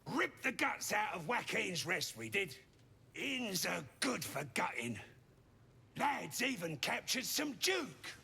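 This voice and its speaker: An actor voicing a crude, boastful male goblin brute in a video game, with a coarse, gravelly voice. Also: sits high, sing-song, slow pace, bright, forceful tone, heavily acted. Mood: gloating. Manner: gloating, bossy, dropping word endings.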